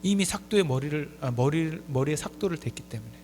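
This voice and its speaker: A man's voice: animated, a little fast. Korean preacher man in a reverberant church. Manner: emphatic preaching, swinging from soft low asides to loud high appeals. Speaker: pastor. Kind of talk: sermon. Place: church sanctuary. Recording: hall reverb with faint mains hum.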